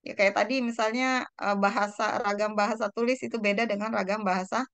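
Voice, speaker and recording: A woman lecturer talks a class through the lesson in a smooth, clear voice. She hedges with fillers and tag questions and slows down to sound out Arabic words carefully. The sound is dry and close, with hardly any room echo. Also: mid-range voice, fairly even intonation, a bit bright. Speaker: university lecturer.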